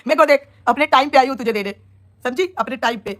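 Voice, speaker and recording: A woman's voice: sits high, fast, fairly bright tone. A young woman on a live stream, scolding and taunting a rival in an angry, combative rant.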